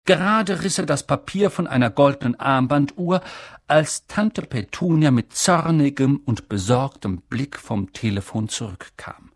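A male narrator reading a storybook aloud at an unhurried pace. His pitch swings widely as he brings the story to life. The recording is dry and close. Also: no echo. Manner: expressive, measured storytelling. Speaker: audiobook reader.

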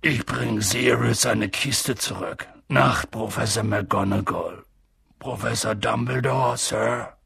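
A man voicing a huge, gruff, soft-hearted half-giant in an audiobook, with a deep, rough manner. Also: slow pace, dry recording, studio quality, heavily acted. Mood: subdued. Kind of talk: audiobook character voice.

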